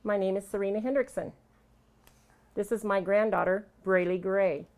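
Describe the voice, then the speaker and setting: An older woman from Colorado gives testimony, reading a prepared statement in a firm, indignant tone. Her pitch sits in a middle range, and she breaks off now and then for pointed, clipped asides. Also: fairly even intonation, normal speed, a little mellow. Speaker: interviewee giving testimony.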